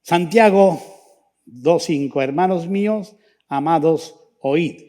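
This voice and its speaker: A man's voice: a little high, takes it slowly. A man preaching a church sermon as pastor, then leading the congregation in fervent prayer. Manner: fervent preaching, rising and dropping to hushed prayer.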